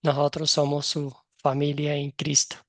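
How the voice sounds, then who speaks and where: A man's voice: fairly high pitch, completely flat delivery, unhurried, no room sound. A man moderating an online Bible class, welcoming each student by name and calling on them in turn. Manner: gently guides students, calls on each in turn.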